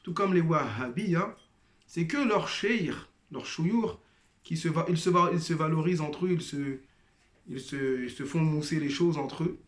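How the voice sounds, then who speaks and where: Speaking a little slowly in a fairly high voice, a former member offers a personal testimony monologue in a reverberant room. He calls listeners brothers and sisters and hesitates with many fillers and restarts. His first language is not Arabic.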